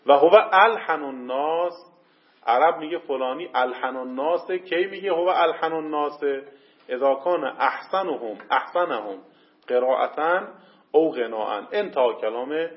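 Man lecturing on a text, dull recording. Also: a little high. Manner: reads Arabic passages aloud and explains them; hesitant fillers, questions to the class. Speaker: seminary teacher. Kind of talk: classroom lecture on a legal text.

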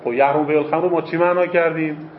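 A man's voice: fairly high pitch, steady tone, a little hiss or hum. A man teaching a seminary class, posing rhetorical questions, answering them himself and repeating key phrases for emphasis. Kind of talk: lecturing on Islamic jurisprudence. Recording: echoey, dull lo-fi classroom recording.

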